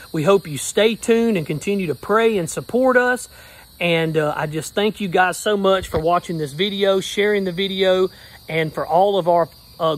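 Male pastor, 30s, fairly high voice, upbeat rhythmic preacher phrasing, phone selfie outdoors. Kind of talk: casual selfie update video. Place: backyard outdoors. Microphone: phone at arm's length.

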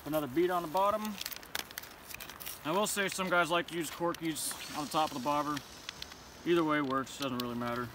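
Pausing often but speaking briskly, a young man with a slightly high voice walks through tying his fishing rig in a relaxed, slangy, plainspoken style. This fishing vlog demonstration was captured on a riverbank by a camera several feet off, so the distant audio carries constant background noise.

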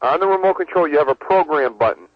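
A man with a slightly high voice answers a store's phone line and talks quickly. He helps the caller patiently, one step at a time. The phone line makes his voice sound dull and lo-fi. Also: lively intonation, no echo. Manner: patient and helpful, asks step-by-step questions. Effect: heard over a phone line. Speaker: electronics store clerk. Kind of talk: customer service phone call.

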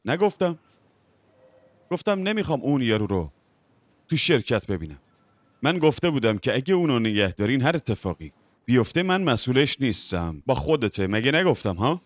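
A man's voice: medium pitch, very animated, no room sound. A man dubbing a defiant younger brother arguing about the family company in a TV drama. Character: stubborn younger brother, brash businessman. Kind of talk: Persian dub of a TV drama.

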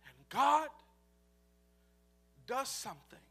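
A male pastor delivering a fiery sermon, his voice high, bright and forceful, rising to shouts then dropping low. He preaches slowly in a chanting cadence with wide, lively swings of pitch, and faint music plays behind him. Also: creaky, husky. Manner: fervent preaching, swinging between shouts and hushed near-whispers.

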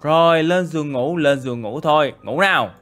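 A man doing chatty, excitable game role-play commentary with lots of filler tags. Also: a little high, moderate pace. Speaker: gaming YouTuber.

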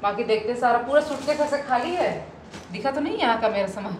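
A woman's voice: fairly high pitch, animated, fast, reverberant, slight background noise, rough recording. A woman from Faridabad, India, vlogging at home as she packs, chatting straight to her viewers with lots of fillers. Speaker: family vlogger. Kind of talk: casual vlog chat to viewers. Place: at home, packing indoors.

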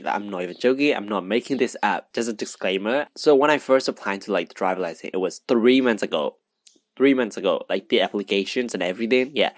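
A young man telling a rambling, excited storytime vlog, with lots of fillers. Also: on the low side, no room sound. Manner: excited, rambling, heavy use of "like". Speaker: vlogger.

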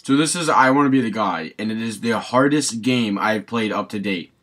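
A man doing raging gamer commentary, angry and exasperated, swearing heavily and prone to yelled outbursts. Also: on the low side, normal speed. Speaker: gamer recording a gameplay video.

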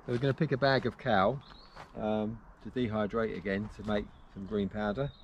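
A man's voice: on the low side, moderate pace, highs cut off, a little hiss or hum. A man in his fifties, chatting casually with fillers as he works his allotment plot and explains each job. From England. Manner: relaxed, chatty, thinking aloud with fillers. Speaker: allotment gardener and channel host. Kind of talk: casual gardening vlog. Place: outdoor allotment and polytunnel.

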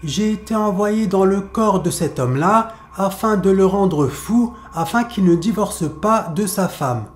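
A man's voice: high-pitched, expressive, measured pace, hardly any pauses, reverberant, a little hiss or hum. A man voicing a frightened old female djinn. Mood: confessing. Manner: begging, frightened, plaintive. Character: pleading female djinn, an old woman's spirit.

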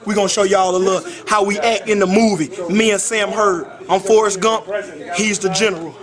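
Young guy hyping up a locker room video, real high voice, boisterous slangy banter, busy room noise. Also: fairly even intonation, fairly quick. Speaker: football player hosting a locker room video. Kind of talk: playful, rowdy hosting to camera. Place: indoor team locker room. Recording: noisy locker room chatter.

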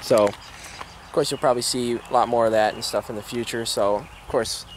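Loud road, engine and outdoor noise fill this casual vlog chat from an old pickup truck cab and the roadside. The young American man speaks at medium pitch, steadily and at a moderate pace, into a handheld camera at arm's length.

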